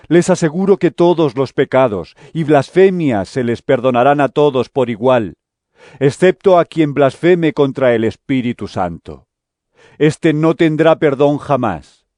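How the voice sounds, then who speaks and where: An actor playing Jesus as a calm, authoritative teacher, speaking solemnly and deliberately in a dramatized audio Bible. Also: male voice, on the high side, dry recording, studio quality. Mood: solemn warning. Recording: music under the voice.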